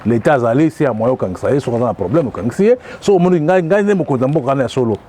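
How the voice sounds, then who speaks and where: A man's voice: medium pitch, lively intonation, very fast, warm tone, slight background noise. A man who leads a community of customary chiefs answers interview questions, speaking emphatically and checking often that he is understood. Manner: emphatic, often repeats "vous comprenez?". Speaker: president of a traditional chiefs' community.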